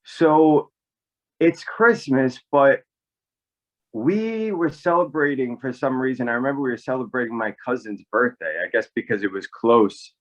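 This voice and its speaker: A man from New York telling a family story casually, animated and full of fillers. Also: mid-range voice, moderate pace, poor audio. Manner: animated, rambling with many fillers. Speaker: podcast guest, actor.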